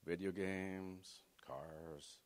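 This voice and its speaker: Extremely slow and fairly even in intonation, a low male voice belongs to a middle-aged man raised in Chile. He's a guest speaker giving students a folksy, faith-centered talk and leading them through an exercise, recorded in a large hall with long reverb.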